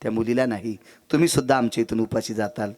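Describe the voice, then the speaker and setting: A man's voice: quick pace, a little mellow, natural voice. A man playing a weary humble farmer. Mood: pleading. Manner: low, subdued, earnest pleading. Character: humble weary male farmer, tearful, pleading.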